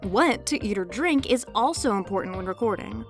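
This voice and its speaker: A woman hosts a scripted tutorial as an indie voice actor, narrating with a playful, cheeky manner and tossing in joking asides. Her medium-pitched voice is animated and moderately paced, with background music playing.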